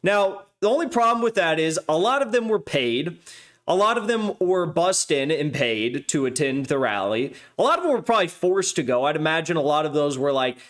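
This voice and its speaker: A man's voice: a little high, big pitch swings, a little fast. A man hosting a livestream news show, talking off the cuff in a rambling, sardonic way with mocking asides. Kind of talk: casual off-the-cuff monologue.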